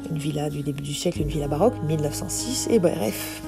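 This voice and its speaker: This is a singer-songwriter from France, a woman in her forties, giving casual spoken remarks over her music. Her deep, creaky voice is expressive and quick, and her rambling talk has frequent hesitations, with music in the background.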